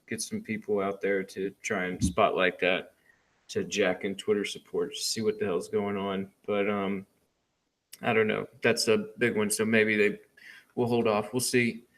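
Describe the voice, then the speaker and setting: A man's voice: fairly low pitch, level tone, measured pace, fairly bright tone. A man co-hosting a casual podcast, rambling with many ums and uhs as he shares his final thoughts. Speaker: podcast co-host. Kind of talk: casual chat.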